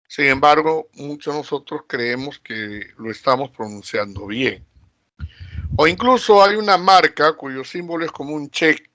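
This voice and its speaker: Slow-talking Peruvian teacher lecturing. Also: male voice, medium pitch, pushed and bright, dry recording. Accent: Peruvian Spanish. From Peru. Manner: slow, drawn-out delivery with many fillers and rhetorical questions. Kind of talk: recorded classroom lecture.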